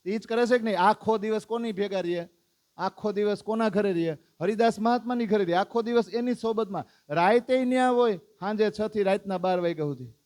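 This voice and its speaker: A man tells a religious story as a sermon, in a voice pitched somewhat high. He keeps asking his listeners questions and voices the characters' lines himself. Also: brisk, darkish tone. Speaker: religious discourse speaker. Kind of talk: storytelling sermon to a live audience.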